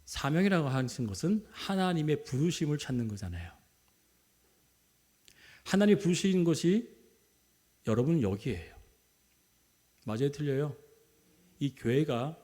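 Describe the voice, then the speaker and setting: Male pastor, high and lively voice, fervent call-and-response sermon that swings from loud cries to low asides. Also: normal speed, pauses often. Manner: animated preaching, rhetorical questions, call-and-response with the congregation. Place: church sanctuary.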